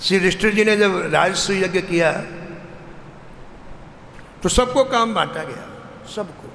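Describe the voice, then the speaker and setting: A man's voice: sits high, unhurried, vocal fry, a bit bright. A male preacher telling a devotional story with rhetorical questions. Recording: echoey hall with faint noise.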